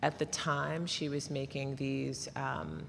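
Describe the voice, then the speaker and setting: A woman's voice: rumbling low, very animated, takes it slowly, vocal fry, long reverb tail, a little hiss or hum. A woman from Nashville, Tennessee, interviewing an artist on stage in reflective, long, hedging sentences.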